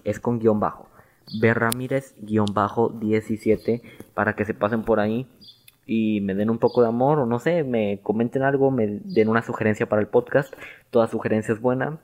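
Low-voiced Mexican man, rambling and profane. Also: fairly even intonation, normal speed. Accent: Mexican Spanish. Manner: rambling, profane, self-mocking, stumbles over words. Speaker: podcast host. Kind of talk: casual solo podcast monologue.

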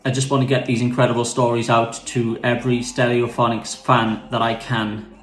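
A man's voice: mid-range voice, flat delivery, normal speed, a bit bright. A man with a South Wales accent hosting a podcast in an informal, matey and encouraging way. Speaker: podcast host. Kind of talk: casual podcast interview.

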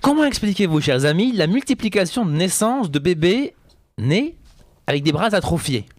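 A man's voice: sits high, very animated, normal speed, dry recording. A man hosting a joking quiz segment, playful and teasing. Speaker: host of a comedy quiz. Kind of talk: joking radio banter.

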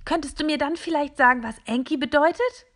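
Woman doing a high, hesitant little robot, storybook. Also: a little fast, a bit bright. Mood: bewildered. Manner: hesitant, bewildered, with many ums. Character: tiny curious robot vehicle, squeaky high voice.

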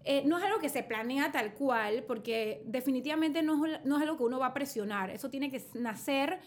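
A woman's voice: sits high, brisk, a little hiss or hum. A woman hosting a casual chat, affirming her guest and addressing the audience. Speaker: host.

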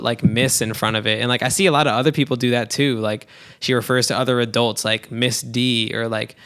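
A man's voice: mid-range voice, a bit bright. Chatty young man from New Jersey. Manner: chatty, lots of "like", storytelling. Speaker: podcast co-host. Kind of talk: casual chat.

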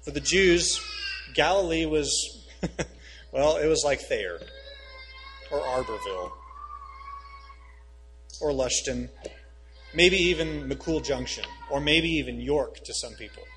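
A man, a pastor reading scripture and preaching a sermon, rising in pitch and volume on key phrases. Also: slow pace, long pauses, a bit bright, faint music behind, low-quality recording.

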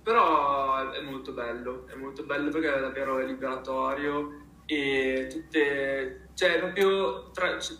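Uomo espressivo ed enfatico, voce squillante. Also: male voice, mid-range voice, measured pace, a little hiss or hum. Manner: emphatic, expressive. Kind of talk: casual conversational interview. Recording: roomy, echoing sound.

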